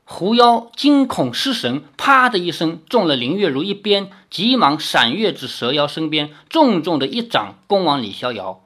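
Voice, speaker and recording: A woman narrating a martial arts novel aloud in an expressive storytelling manner. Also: sits low, moderate pace, hardly any pauses. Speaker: audiobook narrator.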